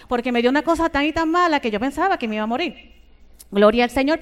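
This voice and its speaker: A woman's voice: sits high, clear, resonant tone. An older Puerto Rican woman preaching a sermon, who fills every phrase with fervent church exclamations and asks her listeners for agreement.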